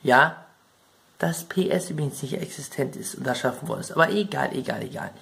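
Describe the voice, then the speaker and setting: A chatty German-accented man runs through game plot points in a loose, rambling way. He keeps turning to his viewers and talking to them directly. His pitch sits right in the middle. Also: animated, a little fast, creaky, fairly bright tone. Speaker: gaming video creator.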